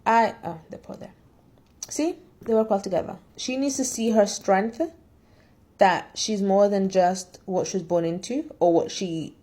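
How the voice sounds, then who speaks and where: A woman's voice: mid-range voice, mellow. A woman in casual chat, reviewing a drama in a candid, opinionated and rambling way.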